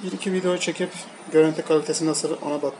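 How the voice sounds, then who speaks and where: A product reviewer sits at an indoor table and comments casually on items as he handles them, explaining each part in a stop-start, unscripted way. His voice is a little high and darkish, with fairly even intonation. The home recording is amateur and noisy, with distinct background noise.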